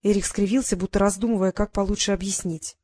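A woman narrating a children's fantasy audiobook in an even, measured reading. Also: mid-range voice. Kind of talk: scripted fiction narration.

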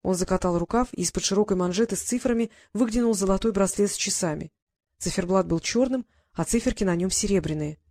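A woman narrating an audiobook in a steady, even storytelling manner. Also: medium pitch, fast.

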